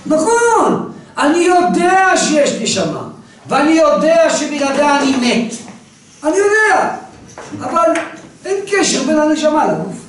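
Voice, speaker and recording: A man teaching through a parable in a casual way, an animated storyteller who keeps quizzing his listener. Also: very high voice, slight background noise. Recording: very echoey room, mic far off.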